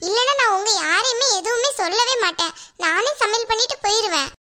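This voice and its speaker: A woman voicing a shrill complaining cartoon wife. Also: animated, fairly quick, bright, forceful tone, heavily acted. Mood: aggrieved. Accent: Kanyakumari Tamil. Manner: pleading, complaining.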